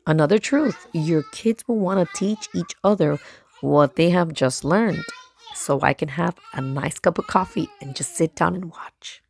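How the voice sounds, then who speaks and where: Speaking a little slowly in a low, gravelly, darkish voice, a video host who homeschools her kids narrates her vlog. Music runs underneath as she poses rhetorical questions and lands short, emphatic, scripted-sounding lines.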